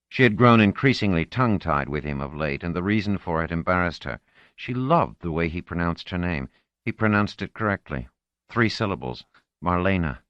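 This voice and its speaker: A man with a deep voice narrates a novel in an expressive, storytelling way. His pitch moves widely from line to line. The recording is dry and close but dull and lo-fi. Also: no room sound. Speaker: audiobook narrator. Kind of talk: scripted audiobook narration.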